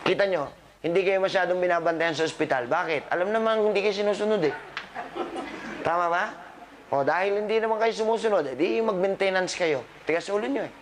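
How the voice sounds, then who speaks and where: A man's voice: high voice, fairly quick, a little hiss or hum. A man, a doctor, giving a live talk to patients, scolding them with humor and quizzing the audience. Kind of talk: live motivational health talk.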